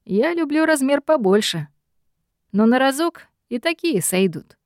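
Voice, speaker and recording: A woman's voice: high-pitched, big pitch swings, measured pace, a little mellow, no echo, studio quality, voice pushed up. A woman doing a smug male demon boss. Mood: mocking.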